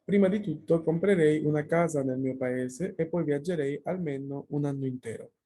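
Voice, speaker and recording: A man's voice: fairly high pitch, moderate pace, dark tone. A man teaching a language class over a video call, explaining patiently with frequent fillers and checking questions.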